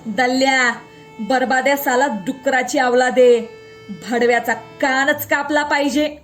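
Brief: a woman voicing a stern old village elder with a crutch, firm and loud. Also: a little high, flat delivery, unhurried, soft background music.

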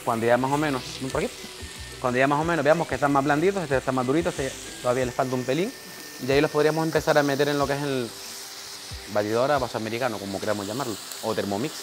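Speaking very fast over music, a chef with a medium-pitched voice teaches a cooking class in a small kitchen. He takes a practical approach, telling the assistant beside him what to do at each step.

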